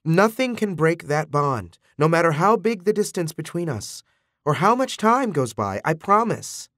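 A gentle middle-aged father speaks softly and earnestly to comfort his son, voiced by a male narrator. The voice rises a little and moves with feeling. It is a dry, close storybook recording. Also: a little high, sing-song, measured pace, dry recording, voice pushed up.

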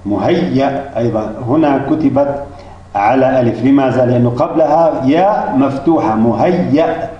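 A man's voice: mid-range voice, warm tone, slight background noise. A man teaching Arabic spelling rules, explaining step by step with frequent restarts and hesitations. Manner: halting, many restarts and fillers. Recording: distant mic, echoey room, dull lo-fi.

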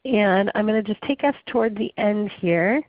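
A woman's voice: medium pitch, moderate pace, no room sound. A woman hosts an online webinar while under the weather, her voice muffled from a cold. She speaks conversationally, filling gaps with ums and uhs. The audio is dry and narrow, like a phone line. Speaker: webinar host. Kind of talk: hosting a webinar. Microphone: webinar call audio.

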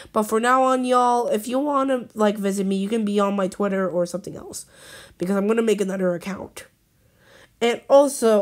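Sick woman with a hoarse voice, rambling on to her followers in a vlog. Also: mid-range voice. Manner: rambling and repetitive, many restarts. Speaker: vlogger. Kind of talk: casual talking-to-camera vlog.

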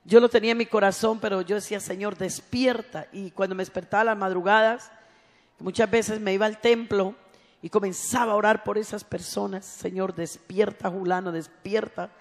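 A woman preacher giving a sermon, telling stories warmly and breaking into loud, fervent exhortations. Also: medium pitch, fairly even intonation, normal speed, big-room sound. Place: church sanctuary.

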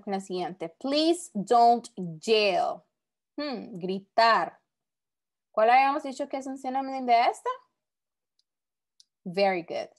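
A woman teaching a recorded English vocabulary lesson, explaining each word patiently and repeating it. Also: mid-range voice.

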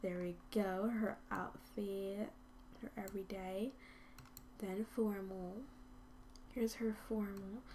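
In a dark-toned, medium-pitched voice with fairly even intonation, this gaming channel host takes it slowly as she offers casual let's-play commentary on a life-sim game. She rambles chattily, saying um a lot and often slipping into whispers, over slight background noise.

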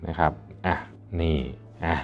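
A man's voice: unhurried, dull audio, soft background music. A middle-aged man hosting a casual hands-on gadget review, chatty and polite, thinking aloud as he tries out features. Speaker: host reviewing a phone. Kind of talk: casual hands-on product demo.

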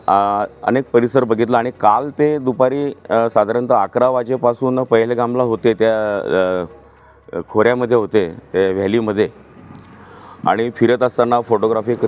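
A man, interviewed for the news, speaking haltingly with many pauses and restarts. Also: fairly low pitch, darkish tone. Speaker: interviewee, husband of a tourist.

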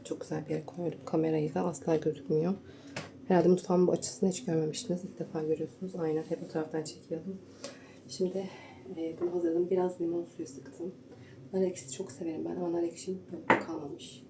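A woman's voice: lowish voice, flat delivery, fast talker, gravelly, recorded from a distance. A young woman chatting to viewers while she cooks at home, now and then keeping her voice down for a sleeping family. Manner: hushed at times so as not to wake her husband and baby. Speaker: home cooking vlogger. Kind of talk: casual kitchen vlog chat. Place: home kitchen. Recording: roomy kitchen echo, camera set back, household noise.

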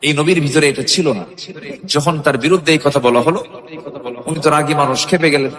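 A man preaching a Bengali sermon, telling a story with animated shifts of voice and sudden rising shouts. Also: a little high, fairly quick, a crowd in the background. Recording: echoey hall with long reverb.

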